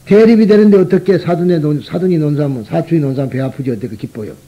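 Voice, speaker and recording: Husky high-voiced monk. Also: male voice, fast, muffled recording. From Gyeongsang region, Korea. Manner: conversational, often tags rhetorical questions to the listeners. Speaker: Buddhist monk lecturer. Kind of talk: sermon.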